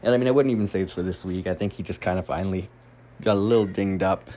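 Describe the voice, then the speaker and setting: Talking fast in a warm, low-sitting voice, this podcast host covers fantasy football on his own from a room at home near a door. He swears freely and wanders off on tangents in a casual, rambling way.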